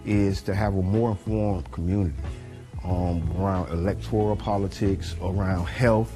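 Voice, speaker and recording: A man who co-hosts a radio show, speaking in a measured, informative way. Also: deep voice, steady tone, over music. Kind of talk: casual interview talk.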